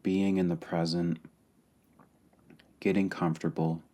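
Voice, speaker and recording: A man with a low-sitting voice leads a guided meditation, speaking calmly and deliberately and pausing between short phrases. The talk is slow and spacious.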